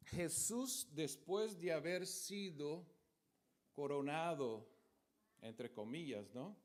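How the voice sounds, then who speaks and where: Male preacher with a high voice who tells the sermon story vividly and points to projected pictures. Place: church.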